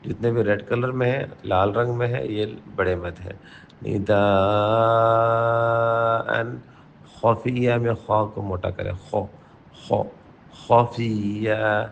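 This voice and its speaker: Male Quran teacher, brisk explanations between slow chanted verses, low gravelly voice. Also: fairly even intonation, highs cut off, slight background noise. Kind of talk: tajweed lesson with chanted recitation.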